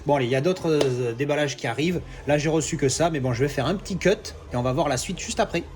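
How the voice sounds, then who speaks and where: Pitched on the high side and talking fast, this man from Marseille, France, chats casually through an unboxing. As a collector, he stumbles, starts sentences over and drops offhand curses along the way.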